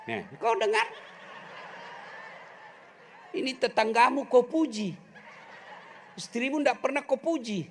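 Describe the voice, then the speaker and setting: Male preacher, middle-aged, high and expressive, comic sermon delivered straight to the crowd. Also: slow pace, long pauses, slight background noise. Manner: animated, joking, addresses the congregation directly. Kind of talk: humorous sermon.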